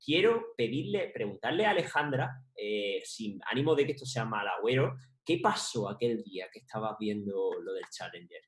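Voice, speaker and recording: A man's voice: lowish voice, animated, moderate pace, hardly any pauses. A male host of a live stream, greeting viewers effusively and passing questions to guests. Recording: roomy echo.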